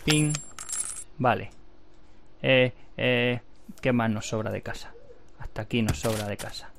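A chatty man gives casual gameplay commentary and teases the characters on screen. His voice sits in a middling register. A steady noise runs under a plain home recording. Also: mid-range voice, unhurried, gravelly. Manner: mocking, chatty, talks to the game characters.

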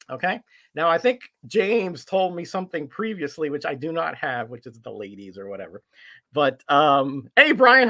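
A man's voice: sits high, fairly bright tone. Chatty man hosting a live stream. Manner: friendly, rambling, frequent uh and um fillers. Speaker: comic collector streamer host. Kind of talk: casual live-stream chat. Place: home collectibles room.

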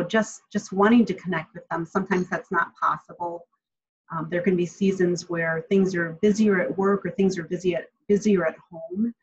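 Low husky lady on a video call from home, friendly, thinks out loud with ums, kinda muffled webcam sound. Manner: friendly and reflective, with frequent ums. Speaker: guest speaker. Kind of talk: answering audience questions on a video call. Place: home room, indoors.

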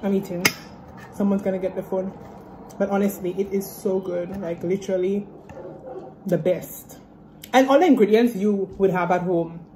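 A woman's voice: medium pitch, fairly even intonation, normal speed, pauses often, dark tone. Chatty young woman vlogging on a phone. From Saint Lucia. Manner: chatty, upbeat, says "literally" and "like" often. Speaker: medical student vlogger. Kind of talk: casual vlog chat. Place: stadium, kitchen, hospital hallway and lab. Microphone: phone camera at arm's length. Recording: phone vlog with clear background noise.

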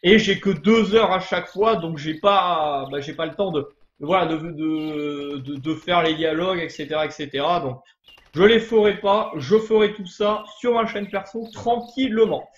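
A man's voice: on the high side, moderate pace, roomy sound, highs cut off. A man streaming a video game live, chatting casually and greeting viewers in the chat. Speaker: let's play streamer.

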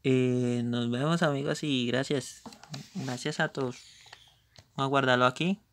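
A man's voice: mid-range voice, fairly even intonation, unhurried, fairly bright tone, slight background noise. A man giving casual live commentary on a video game, reacting to scenes and talking to viewers at his computer mic. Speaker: livestreamer.

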